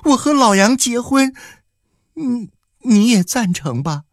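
A man's voice: fairly high pitch, sing-song, unhurried, no room sound, studio quality, pitched above the performer's own voice. A man voicing a desperate village woman who pleads tearfully and insistently, in an audiobook. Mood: pleading. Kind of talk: audiobook character voice.

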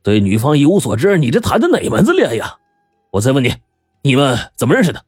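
A man voicing a furious, greedy middle-aged uncle who shouts threats in a husky voice. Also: lowish voice, very animated, dry recording, studio quality, soft background music. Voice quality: shouting, threatening, fast-tempered.

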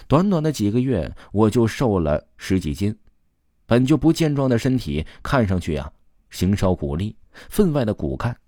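Male audiobook narrator, sorrowful storytelling read with rolled erhua endings, warm dark tone, lively pitch. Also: no room sound, studio quality. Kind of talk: first-person story narration.

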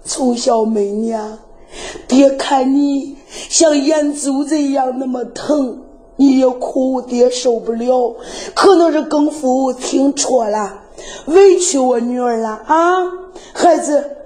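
A woman voicing a doting old father, pitching her voice low and speaking soothingly. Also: slow, dark tone. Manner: soothing, pleading.

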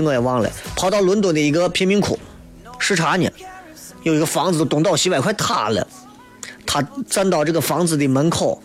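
A man with a Shaanxi accent and a fairly high-pitched voice delivers a colloquial, opinionated monologue as a talk show host, frequently tossing out rhetorical questions.

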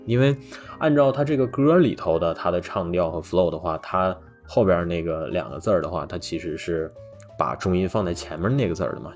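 A man hosting a podcast, chatting loosely about hip-hop with many fillers and restarts. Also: low-pitched. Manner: rambling, relaxed, many fillers. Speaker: podcast host.

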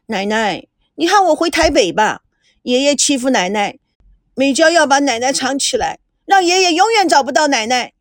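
A woman voicing a tearful, indignant teenage granddaughter who pleads in a high, whiny voice. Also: big pitch swings, a little slow, a bit bright, dry recording, clean studio sound, heavily acted.

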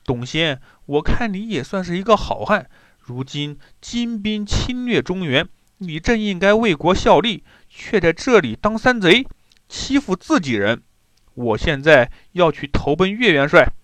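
A man doing a bold high-voiced boy warrior. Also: big pitch swings, a little slow, fairly bright tone, no room sound, full character voice. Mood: bold, confident. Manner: confident, commanding.

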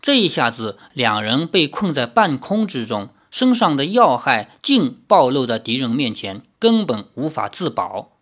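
Storybook reader, super expressive, voice swings up and down, adds chatty asides. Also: mid-range voice, a little slow, few pauses. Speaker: audiobook narrator. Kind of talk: dramatic novel reading.

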